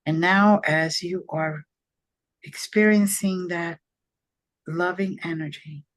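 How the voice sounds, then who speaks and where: A woman leading a guided meditation in a soft, soothing, measured way, with long pauses between phrases. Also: fairly low pitch, steady tone.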